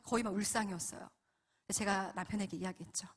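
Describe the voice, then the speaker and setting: Husky-voiced woman giving a testimony. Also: mid-range voice, fairly even intonation, quick pace. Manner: earnest, addresses the audience with questions. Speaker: guest speaker at a prayer meeting. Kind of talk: testimony sermon.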